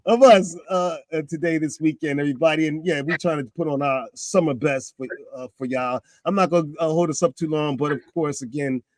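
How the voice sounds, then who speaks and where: A man in his fifties hosting a casual talk show, animated, his pitch climbing when he gets excited. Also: brisk, few pauses, dry recording. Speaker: podcast host.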